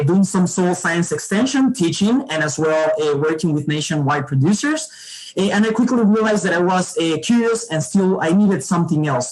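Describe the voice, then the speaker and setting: A man's voice: fairly high pitch, poor audio. Earnest young man. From Honduras. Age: young adult. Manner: earnest, enthusiastic, repeats "actually" often. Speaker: panelist. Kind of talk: virtual roundtable presentation. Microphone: video call.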